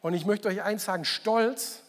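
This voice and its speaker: Guy pastor with a fairly high voice, chatty sermon, keeps repeating lines, big reverby church hall. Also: normal speed. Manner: conversational preaching, asks the congregation questions; repeats key phrases for emphasis.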